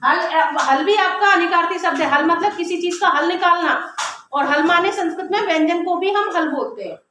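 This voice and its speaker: A woman teacher giving a classroom grammar lesson, explaining step by step and slowly sounding out letters to demonstrate. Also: very high-pitched, sharp tone. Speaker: Hindi teacher. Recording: very echoey classroom with faint noise.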